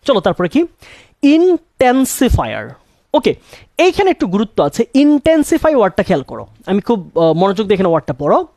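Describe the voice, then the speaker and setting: A man's voice: sits high, huge pitch swings, brisk, a little mellow, dry recording, clean studio sound. A young man teaching English grammar, asking questions and answering them himself and repeating key words. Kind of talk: classroom-style grammar lesson.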